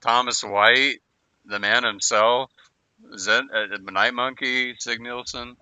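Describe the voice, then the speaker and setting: A man's voice: mid-range voice, steady tone, slow pace, sharp tone, clear, resonant tone, no echo. A man chatting casually on a livestream, rambling and often repeating and restarting his words. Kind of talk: casual stream chat.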